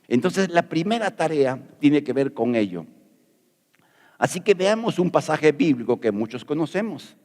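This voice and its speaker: A man's voice: on the high side, sing-song, moderate pace, a little mellow, big-room sound. A middle-aged man from Peru preaching a sermon as pastor, folksy and jokey, asking rhetorical questions.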